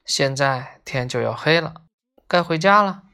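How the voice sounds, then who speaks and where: A woman reading a children's story aloud in a gentle, unhurried way. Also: low-pitched, expressive.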